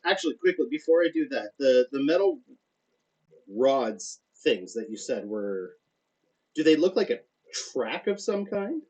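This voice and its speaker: A man's voice: medium pitch, big pitch swings, unhurried, a little mellow, slightly rough, lo-fi sound. A man playing a tabletop game who asks the game master questions and declares his character's moves. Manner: inquisitive, declaring actions. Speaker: player. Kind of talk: casual tabletop game play.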